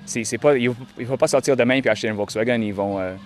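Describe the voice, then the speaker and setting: A young man, answering interview questions in a halting way, often repeating words. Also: mid-range voice, faint music behind. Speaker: touring cyclist interviewee.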